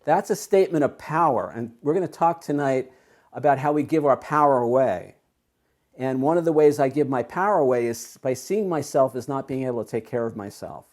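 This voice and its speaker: A man's voice: medium pitch, animated, fairly quick, a little mellow. A man leading an online self-help workshop over a video call, explaining ideas step by step in an earnest, encouraging way. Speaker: workshop leader.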